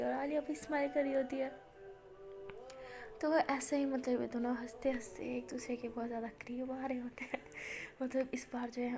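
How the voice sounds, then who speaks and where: A woman's voice: on the high side, creaky, dark tone. A woman telling a romance story in a casual, chatty way, full of fillers. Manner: chatty, filler-heavy narration. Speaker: storyteller, channel host.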